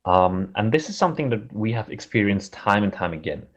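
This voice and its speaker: A man with a German accent gives an online conference talk in a casual, chatty way, halting often with fillers and restarts. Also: on the low side, expressive, dull audio. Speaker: conference speaker.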